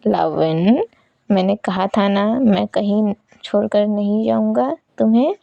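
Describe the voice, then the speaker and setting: Woman voicing a gentle, caring uncle. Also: mid-range voice, measured pace, vocal fry, dry recording, muffled recording. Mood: soothing. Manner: soft, soothing coaxing.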